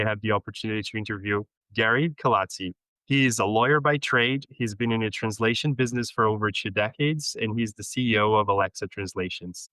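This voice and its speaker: Upbeat guy hosting a podcast, bright punchy voice, mid pitch, dry sound. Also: no room sound, low-quality recording. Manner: upbeat, enthusiastic interviewer. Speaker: podcast host. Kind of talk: casual interview.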